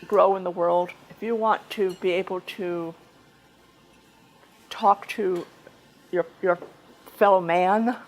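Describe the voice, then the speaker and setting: A woman's voice: fairly low pitch, fairly even intonation, takes it slowly, pauses often, poor audio. A woman giving an informal, chatty speech at a club meeting, talking conversationally with frequent restarts and asides. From United States.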